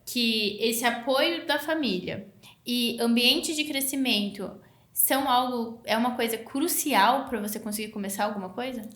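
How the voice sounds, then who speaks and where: A woman's voice: a little high, normal speed, fairly bright tone, reverberant. A woman hosting a podcast, summing up and asking her guest questions. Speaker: podcast host. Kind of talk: interview questions.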